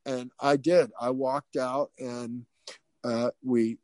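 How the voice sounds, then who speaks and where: A man as an interview guest telling a story casually, animated and profane, with many fillers and restarts. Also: mid-range voice, slow pace, dry recording.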